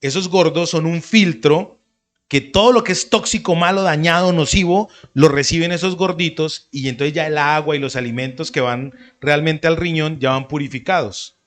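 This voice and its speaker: A man preaching a sermon as pastor, with animated, conversational delivery and acted-out quotes. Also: on the high side, moderate pace.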